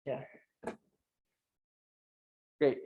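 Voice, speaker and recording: A young man giving a technical conference talk, talking quickly with frequent fillers and restarts. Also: narrow, tinny audio. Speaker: conference speaker. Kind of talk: academic talk.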